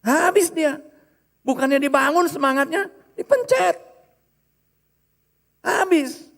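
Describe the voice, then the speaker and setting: High-voiced man preaching a lively sermon. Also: slow pace, creaky, big-room sound. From Indonesia. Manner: animated preaching, acting out quoted voices. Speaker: pastor. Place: church.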